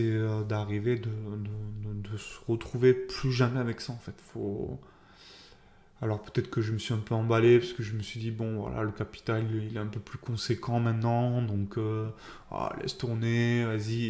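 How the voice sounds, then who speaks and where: A man talks through an informal debrief in a mellow, fairly flat voice. He has a slight lisp and speaks haltingly, thinking aloud and blaming himself. The room adds noticeable echo. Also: on the low side. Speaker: trader keeping a video diary.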